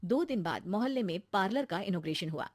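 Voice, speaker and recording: A woman narrating a cartoon moral story in a steady, plain storytelling manner. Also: mid-range voice, a little fast, dry recording, clean studio sound.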